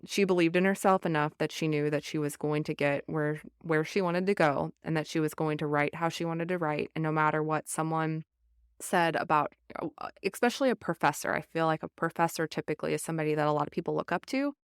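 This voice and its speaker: Low smooth Southern woman, earnest. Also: fairly even intonation, fairly quick, dry recording, studio quality. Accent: Southern American. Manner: earnest, reflective, many fillers. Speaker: book club podcast host. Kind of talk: casual book discussion.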